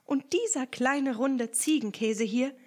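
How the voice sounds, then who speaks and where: A woman voicing a polite male mouse who explains things in a hushed, courteous way. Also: high voice, takes it slowly, pitched above the performer's own voice.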